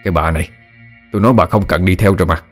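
A man voicing a gruff, stern older village father who talks curtly. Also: low voice, racing, soft background music. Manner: gruff, curt.

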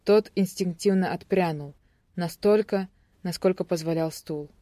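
A narrator giving a steady, even audiobook reading of a thriller. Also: mid-range voice, a little slow, no echo.

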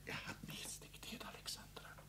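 A man's voice: normal speed, lightly acted. An actor playing a man at a sickbed who whispers urgently and then reads notes aloud solemnly in a radio play. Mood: whispered. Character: hushed male confidant at a sickbed.

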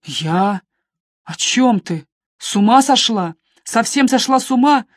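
A woman's voice: fairly high pitch, expressive, takes it slowly, no room sound, clean studio sound, pitched above the performer's own voice. A woman voicing a sneering defensive young man.

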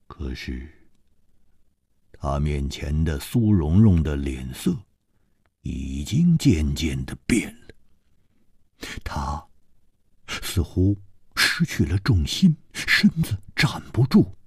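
Male radio storyteller, hugely varied pitch, slow measured pace, husky, dry. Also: very animated, dry recording. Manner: dramatic, highly varied delivery. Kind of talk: Chinese radio storytelling of a martial-arts novel.

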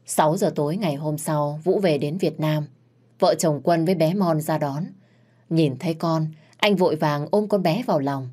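A woman storyteller narrating a family drama in a measured, sorrowful way. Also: deep voice, warm tone. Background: faint background music.

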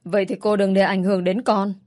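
A woman's voice: medium pitch, level tone, fast talker, darkish tone, lightly acted. A woman voicing a cold, contemptuous middle-aged man who speaks curtly in a narrated story. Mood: scornful. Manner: scornful, curt.

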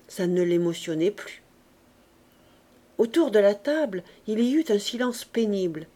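A woman narrating a classic novel as an audiobook reader, in a clear, measured literary reading. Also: medium pitch, dark tone.

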